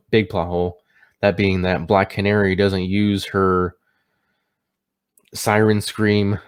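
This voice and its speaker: Tipsy, low-voiced man reviewing a movie. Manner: tipsy, stumbling over words and catching himself. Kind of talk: casual unscripted movie review to camera.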